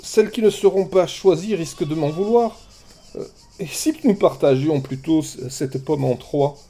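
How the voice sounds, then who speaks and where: A man's voice: on the high side, slow, warm tone, husky, voice pushed up. A man playing a stammering, flustered young shepherd. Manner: stammering, hesitant.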